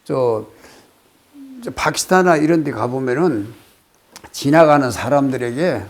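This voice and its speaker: An older man from Korea, a Buddhist monk, giving a casual spoken lecture on a classical text, reciting phrases and then explaining them with many pauses. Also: mid-range voice, a little mellow. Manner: explains slowly, reciting phrases then paraphrasing, with frequent hesitations.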